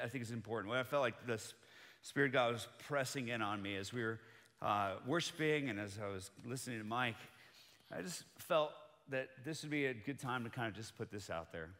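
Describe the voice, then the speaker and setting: A man preaching a sermon as pastor, earnest and building to excited emphasis, who grew up in Colombia. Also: mid-range voice, long reverb tail.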